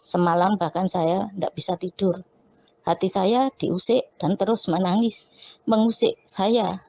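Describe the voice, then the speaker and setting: A woman's voice: mid-range voice, fairly even intonation, unhurried, darkish tone, no room sound. A woman, telling a personal testimony with quoted dialogue and frequent restarts. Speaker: testimony speaker. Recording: dull lo-fi recording.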